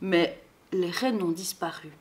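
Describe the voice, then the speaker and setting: A woman reading a children's Christmas storybook aloud in an expressive, measured way. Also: on the low side.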